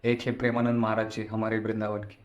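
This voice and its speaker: A man's voice: on the low side, completely flat delivery, quick pace, highs cut off. A man giving a devotional discourse as a spiritual storyteller, explaining and repeating phrases for emphasis. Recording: echoey room sound.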